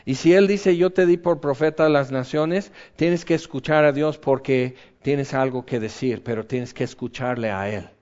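A man preaching a sermon in an animated way, acting out quotes with sudden high yelps. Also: moderate pace, hardly any pauses. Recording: dull lo-fi recording.

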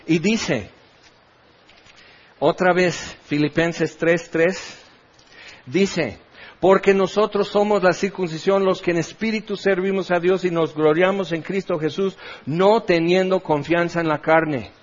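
Middle-aged Mexican preacher, high, fervent delivery with repeated rhetorical questions; muffled lo-fi recording. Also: male voice, measured pace. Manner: impassioned, rhetorical questions, repetitive preaching cadence. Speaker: pastor. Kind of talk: sermon. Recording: dull lo-fi recording.

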